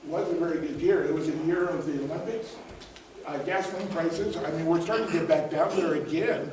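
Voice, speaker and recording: A middle-aged man, a guest speaker, telling a motivational story in a conversational, humorous way and putting questions to the audience. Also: a little high. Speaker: guest speaker, business coach. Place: event room before a live audience. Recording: roomy echo, distant mic, faint noise.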